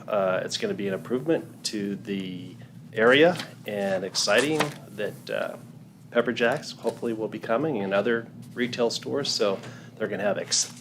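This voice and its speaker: A man's voice: lowish voice, noisy background. A man representing a wireless company at a city council public hearing, speaking hesitantly with many ums and restarts.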